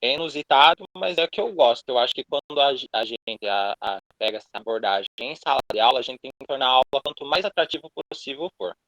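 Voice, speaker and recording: A young man with a Brazilian Portuguese accent introducing himself as a teacher in an online class, earnest and halting with frequent restarts. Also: mid-range voice, expressive, fairly bright tone, no room sound, lo-fi sound.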